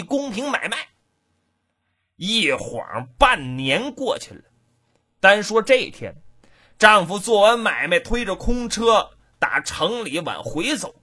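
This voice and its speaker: Man, folk storyteller, breathy, animated. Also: high voice, measured pace. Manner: animated, rhythmic oral storytelling with filler particles.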